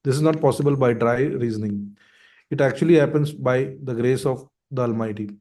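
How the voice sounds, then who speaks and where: A man reading scripture commentary aloud for a class on a video call, in a steady, formal way. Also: mid-range voice, fairly quick. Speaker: reader.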